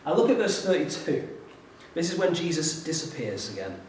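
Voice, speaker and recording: Animated man speaking in an echoey hall. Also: a little high, normal speed, a little hiss or hum. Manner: lively, animated storytelling. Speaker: youth worker speaker. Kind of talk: talk with Bible reading. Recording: roomy echo from a distant mic.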